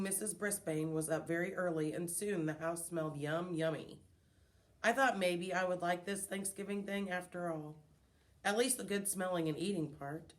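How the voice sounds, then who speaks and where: A woman reads a children's chapter book aloud in an expressive storytelling manner. Her voice sits a little low for a woman, and she keeps the narration lively and clear. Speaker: reader.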